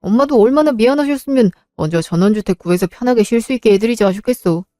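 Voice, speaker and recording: A woman voicing a devoted young husband in an audio drama, speaking softly and reassuringly. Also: a little high, lively intonation, fast talker, dry recording, studio quality, close to an everyday voice. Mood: tender. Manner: soft, reassuring, earnest. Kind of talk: Korean audio drama acting.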